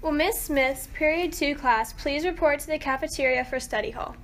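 A woman's voice: high-pitched, moderate pace, a bit bright, slight background noise. A young woman reading scripted morning announcements in a school intercom manner.

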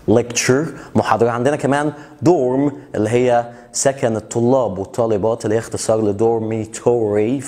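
A young man with an Egyptian Arabic accent teaching English vocabulary in a casual video lesson. He jokes between words and slows right down to stretch each English term out for pronunciation practice. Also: mid-range voice, mellow. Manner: joking, chatty asides.

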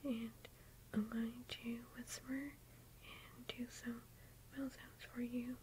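A young woman whispers softly in a flat, even tone, voice dark and mellow. She gushes compliments and rambles with "like" and "um" between phrases. A faint hiss sits under her whisper. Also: fairly high pitch, slow. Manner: soft unvoiced whisper, gushing compliments; rambling with fillers like "like" and "um". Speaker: ASMR YouTuber. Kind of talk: whispered ASMR makeup roleplay.

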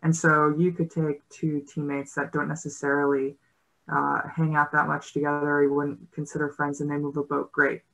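Her voice is low-pitched and monotone, with vocal fry and a fairly bright tone, at a moderate pace, and the recording is rough. The woman, a rower in her thirties, joins a casual panel as a guest by video call from an indoor home room on her laptop mic, speaking thoughtfully and hesitantly with many fillers.

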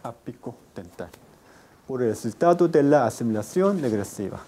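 Male university lecturer, drills Spanish pronunciation; pitch moves a lot. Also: expressive, warm tone. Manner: repeats example words slowly, quizzes the class. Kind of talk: classroom lecture with questions to students.

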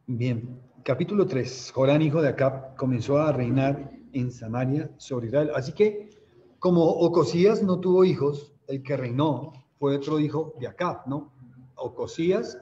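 A man's voice: mid-range voice, dark tone, dull audio, slight background noise. Colombian man leading a Bible study. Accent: Colombian Spanish. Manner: conversational teacher who checks in with listeners; mimics laughter when retelling stories. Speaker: youth Bible study leader. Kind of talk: reading scripture aloud and explaining it.

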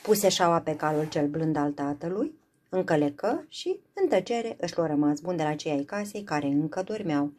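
A woman's voice: deep voice, expressive, darkish tone. A woman reading a fairy tale aloud, narrating expressively. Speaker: storyteller.

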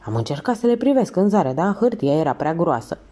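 A woman voicing a sly, hoarse old male newspaper seller who grumbles and talks on. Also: lowish voice, sing-song, warm tone. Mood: grumbling.

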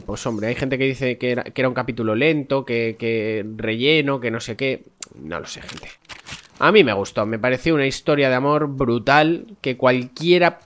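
A man from with a stuffy, nasal voice from a cold, chatting casually to viewers as he plays a game, swearing often. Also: mid-range voice. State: congested, nasal voice. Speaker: gameplay streamer. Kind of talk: casual let's-play commentary.

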